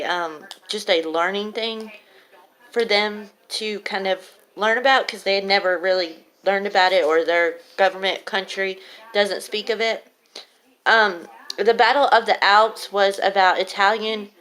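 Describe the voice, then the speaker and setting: A woman with a swollen lip giving an informal student presentation on an article, speaking hesitantly and haltingly, with slightly off articulation. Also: medium pitch, a bit bright. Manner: hesitant, halting delivery with long pauses.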